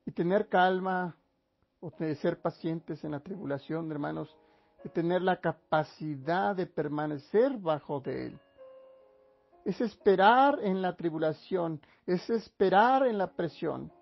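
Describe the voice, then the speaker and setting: A pastor from Mexico preaching a sermon in a church, slow and emphatic, often calling listeners brothers. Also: male voice, high-pitched, creaky, highs cut off, faint music behind.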